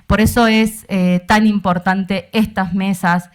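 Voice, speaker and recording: A woman's voice: mid-range voice, fairly even intonation, slow pace. A woman giving an impassioned political speech on a panel, rallying and repeating phrases, with frequent fillers. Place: university auditorium.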